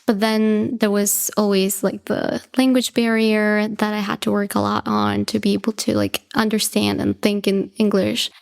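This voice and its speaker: Talking at a moderate pace with few pauses, this guest has a medium-pitched voice with vocal fry and little pitch movement. She's in her twenties, from Bolivia, a native Russian speaker, reflecting during a casual interview, laughing lightly and peppering her speech with "like" and "you know".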